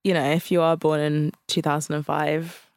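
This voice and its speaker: A woman co-hosting a casual chat podcast, chatty and quick to react. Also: sits low, flat delivery, noisy background. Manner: chatty, reacts with laughs and gasps. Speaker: podcast co-host.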